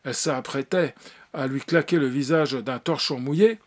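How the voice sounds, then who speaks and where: A man reading a novel aloud as an audiobook, with expressive narration and occasional slips. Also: mid-range voice, moderate pace. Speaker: audiobook reader.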